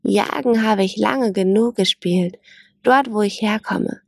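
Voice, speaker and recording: A woman's voice: mid-range voice, a little slow, gravelly, no echo, clean studio sound. A woman voicing a curious young male lion in a storybook reading, speaking earnestly in a raised voice. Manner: earnest, open questions.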